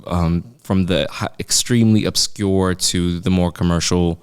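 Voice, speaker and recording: A man's voice: sits low, steady tone, a little slow, clean tone. A man working as a creative director, speaking confidently and enthusiastically as a podcast panel guest. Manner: confident, enthusiastic, self-assured. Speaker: creative director, head of marketing. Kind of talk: conversational podcast answer.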